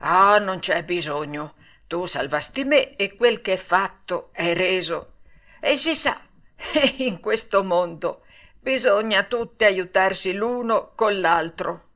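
A woman's voice: mid-range voice, expressive, takes it slowly, a bit bright. A woman voicing a good-natured hungry male dog in a storybook reading, easygoing and kindly. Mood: friendly.

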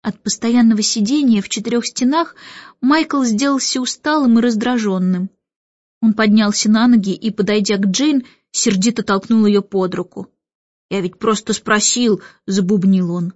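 A woman's voice: mid-range voice, normal speed, a little mellow, no echo, muffled recording. Woman reading a storybook aloud. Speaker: audiobook reader. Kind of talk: storybook narration.

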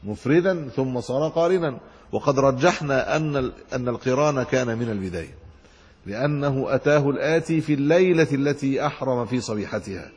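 A man's voice: medium pitch, animated, fairly quick, darkish tone, slightly rough, big-room sound. A man with an Egyptian Arabic accent teaching a religious lesson, reading classical commentary aloud and explaining it in colloquial asides. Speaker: Islamic scholar teaching hadith commentary.

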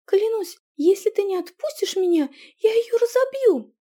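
A woman voicing a frightened, tender young woman in love, speaking in a high, pleading voice. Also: expressive, a little slow, warm tone. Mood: desperate.

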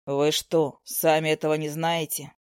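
A woman voicing an earnest young male healer who speaks slowly, softly and firmly, in a storybook reading. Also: deep voice, level tone, clean tone, no echo, clean studio sound, pitched below the performer's own voice. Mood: earnest, questioning. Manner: slow, soft, persuasive.

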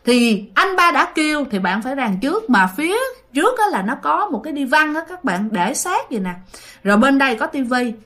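A woman's voice: high voice, sing-song, brisk, fairly bright tone. A woman telling a ghost story in a chatty, casual way, full of fillers and asides to her listeners. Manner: chatty, many fillers, addresses listeners directly.

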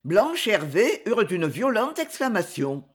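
A woman narrating a novel audiobook in a measured, expressive way. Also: medium pitch, breathy edge. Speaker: audiobook reader.

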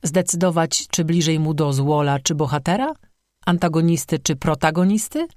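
Audiobook narrator with a wry, sarcastic delivery, dry close recording, mid pitch. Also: moderate pace, darkish tone, no echo.

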